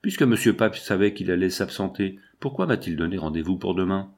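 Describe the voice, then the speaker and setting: A man's voice: sits low, lively intonation, a little mellow. A man doing a sneering brute of a blackmailer. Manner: sneering, slow and menacing. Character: brutish burly male blackmailer, mocking. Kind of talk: audiobook reading.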